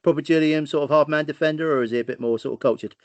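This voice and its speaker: A man's voice: a little high, very fast, no room sound. A man hosting a casual interview in a blokey, rambling way, full of tag questions. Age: 40s. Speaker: host, club interviewer. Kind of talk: casual chat.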